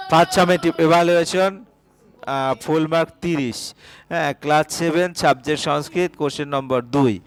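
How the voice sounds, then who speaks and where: A male teacher with a West Bengal Bengali accent giving a step-by-step video lesson to school pupils, with frequent filler sounds and check-ins. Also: fairly high pitch.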